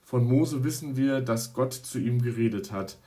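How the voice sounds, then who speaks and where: A man's voice: medium pitch, normal speed, dark tone, lightly acted. A man reading as stern accusing religious leaders. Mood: angry. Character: group of hostile male religious leaders.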